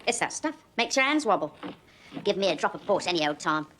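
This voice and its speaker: An actress playing a chatty, earthy former barmaid in middle age who talks in a homely way and laughs easily. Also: female voice, lowish voice, big pitch swings, fairly quick, background noise. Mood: homely, frank.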